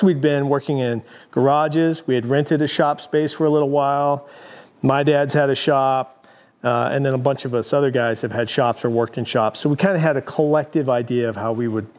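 A man in his forties giving a casual tour of his large garage workshop, talking in a relaxed, rambling way with many fillers and restarts. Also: mid-range voice. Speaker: overland company founder giving a shop tour.

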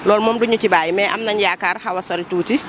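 A middle-aged woman in a street interview, talking briskly and insistently. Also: medium pitch, fairly even intonation. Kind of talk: casual street vox pop. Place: street outdoors. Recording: street noise outdoors.

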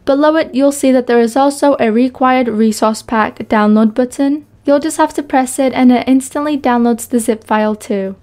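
A woman's voice: high voice, normal speed, few pauses, darkish tone. A young adult woman hosting a gaming video, with gameplay chat and tutorial narration.

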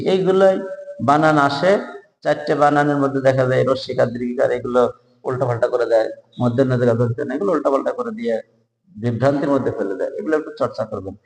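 A man gives a spelling lesson, breaking each word into its letters and repeating it slowly. His voice sits at an ordinary middle pitch. The recording is echoey, with a long reverb hanging after his words. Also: vocal fry, a little mellow. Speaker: spelling teacher. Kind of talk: spelling lesson for job exams.

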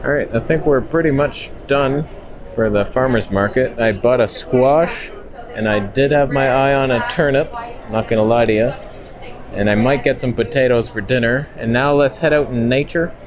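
A man in his thirties walks through a market and outdoors, camera held at arm's length, offering wry, joking vlog commentary. He speaks at a normal speed in a mid-range voice, with a crowd audible in the background. The handheld recording is noisy with ambient sound.

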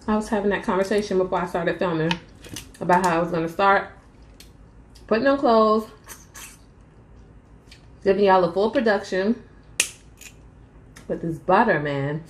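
Eating between sentences, a young mukbang vlogger talks chattily to her viewers, addressing them as "y'all" in a casual vlog. Her medium-pitched voice moves at a moderate pace with frequent pauses. The small room at home is echoey, with slight background noise.

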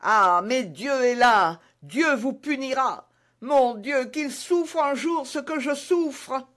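A man's voice: very high voice, slow pace, a bit bright, pitched above the performer's own voice, heavily acted. A man voicing a dying poisoned soldier who cries out in anguished accusation in a storybook reading.

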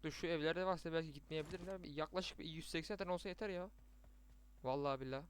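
A young man commentating his mobile shooter match with teammates, chatty, muttering to himself and then bursting out excitedly. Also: a little high, fast, slight background noise. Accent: Turkish. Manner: chatty, swings between muttering and excited outbursts. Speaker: gaming streamer. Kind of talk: live gameplay commentary with teammates.

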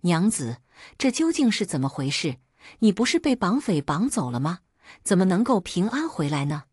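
A woman voicing an anxious, hot-tempered young husband, lowering her voice and flaring into bursts of anger. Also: sing-song, moderate pace, darkish tone, husky, no room sound, studio quality. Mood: puzzled. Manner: deep, brooding, bursts of fury. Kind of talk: storytelling voice acting.

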